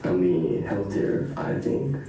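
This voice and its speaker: A man's voice: deep voice, expressive, takes it slowly, mellow. A man, answering interview questions in simple, hesitant English. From China. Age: 20s. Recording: echoey room, far from mic.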